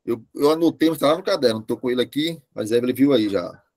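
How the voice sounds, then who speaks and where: A man teaches a grammar lesson over a video call. His voice is lively and swings widely in pitch. He slows down and repeats key words so his students can follow. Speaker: Portuguese language teacher. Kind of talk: online class lecture.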